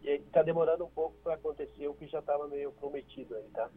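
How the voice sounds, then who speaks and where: Caller on a dull phone line. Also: male voice, a little high, steady tone, quick pace, husky. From Jundiaí, São Paulo, Brazil. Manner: polite, slightly anxious. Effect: heard over a phone line. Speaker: radio call-in caller. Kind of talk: casual phone conversation.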